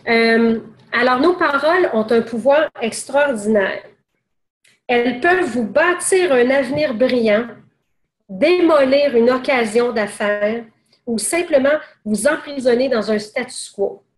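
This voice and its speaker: A woman leads a sales training session in a slightly high voice. She talks conversationally, restarting phrases and adding fillers as she goes. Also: animated, a little slow, reverberant. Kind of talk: training seminar talk.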